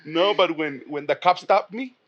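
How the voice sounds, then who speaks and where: A man's voice: fairly high pitch, moderate pace. A middle-aged man, a comedian guest, telling stories in casual chat, blunt and swearing freely. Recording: dull lo-fi sound.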